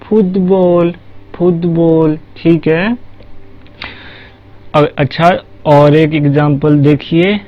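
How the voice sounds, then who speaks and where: A man's voice: fairly high pitch, steady tone, slow, long pauses. A man teaching a language lesson, patient and step by step, asking questions and answering them himself. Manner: patient, repeats "ठीक है", asks and answers his own questions. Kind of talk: slow spoken language lesson. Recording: dull lo-fi recording with faint music.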